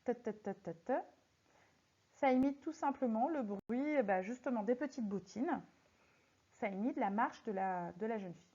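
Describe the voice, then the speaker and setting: A fairly high-voiced woman teaching a lesson, pausing to tap out syllables one at a time. She speaks in a slow, deliberate way that makes each word stand out. The recording sounds slightly dull and lo-fi. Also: expressive, warm tone. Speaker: French teacher. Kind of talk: recorded lesson correcting exercises. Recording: slightly muffled lo-fi audio.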